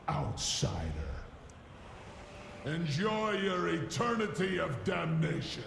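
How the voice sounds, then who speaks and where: An actor playing a contemptuous, menacing undead warlord in a fantasy video game, making grandiose, scornful proclamations in a gravelly voice. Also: male voice, fairly high pitch, slight background noise, exaggerated voice. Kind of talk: theatrical fantasy video game villain acting. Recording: echoing hall reverb, music behind.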